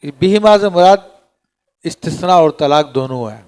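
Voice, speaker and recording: Guy teaching islamic law class, reads arabic lines then explains, keeps asking theek hai, high clear voice. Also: animated, darkish tone. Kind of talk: classroom lecture on a legal text.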